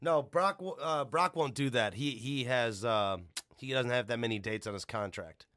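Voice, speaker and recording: A man chatting casually as a podcast co-host, profane and joking, prone to excited gasps. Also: mid-range voice, normal speed. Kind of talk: casual chat.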